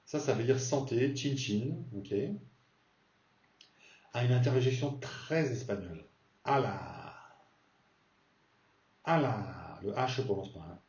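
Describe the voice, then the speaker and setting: A man teaching a casual beginner's language lesson, slowly repeating example words and explaining them patiently. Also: mid-range voice, a little mellow. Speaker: Spanish teacher. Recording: distant echoey dull recording.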